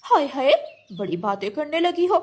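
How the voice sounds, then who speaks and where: A woman's voice: high-pitched, very animated, normal speed, a little mellow, pitched above the performer's own voice. A woman doing a haughty scheming female crow. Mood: scornful. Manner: haughty, scornful.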